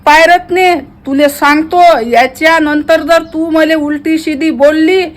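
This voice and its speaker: Loud high-pitched woman quarreling. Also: fairly even intonation, unhurried. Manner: loud, quarrelsome, shifting to pleading. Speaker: comedy sketch actor. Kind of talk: village comedy sketch.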